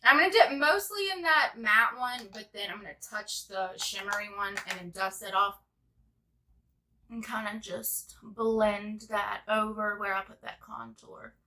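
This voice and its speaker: Bright-voiced chatty young woman. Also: mid-range voice, measured pace. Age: 20s. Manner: rambling, chatty, heavy use of "like". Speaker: beauty vlogger. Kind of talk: casual makeup tutorial chat.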